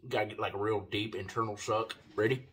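A man's voice: on the low side, steady tone, quick pace, a bit bright. A man giving a casual, slangy, profane product review while talking with a lip full of dip. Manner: laid-back, slangy and profane. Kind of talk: casual video review chat.

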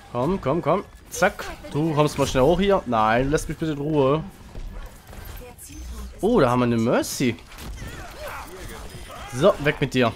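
A man commentating his own online shooter match, frantic and loud, urging his team on and cursing opponents. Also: on the high side. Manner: frantic, urging teammates, swearing at enemies. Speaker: gaming channel host. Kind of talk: excited live game commentary.

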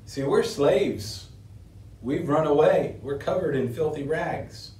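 A middle-aged pastor preaches a sermon from a lectern in a small indoor room, his voice expressive, slow and somewhat dark. He's earnest, rising in pitch and force to stress key points, and the recording has a roomy echo with his voice set back from the mic.

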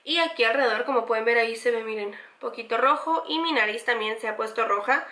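A woman's voice: a little high, quick pace, bright, forceful tone, roomy sound. A pregnant young woman walks through a makeup tutorial, chatty and enthusiastic, repeating words for emphasis. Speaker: beauty vlogger.

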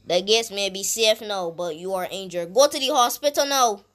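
A woman's voice: medium pitch, fairly even intonation, normal speed, voice pushed down, close to an everyday voice. A woman voicing a healer who firmly gives instructions.

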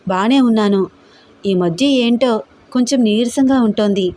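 A woman reading an audio story, voicing an affectionate young female college student who speaks softly and pleadingly. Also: on the high side, a little slow, natural voice.

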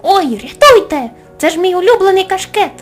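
A woman's voice: very high voice, lively intonation, normal speed, voice pushed up. A woman voicing a grumpy, greedy male forest gnome who grumbles and complains in a storybook tale. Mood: shrill, alarmed. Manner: grumbling, indignant. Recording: soft music underneath.

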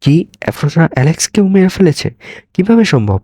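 A man's voice: medium pitch, normal speed, darkish tone, dry recording, clean studio sound, close to an everyday voice. A man voicing a frightened, desperate male investigator with urgent, pleading speech in an audio story. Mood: shocked, angry.

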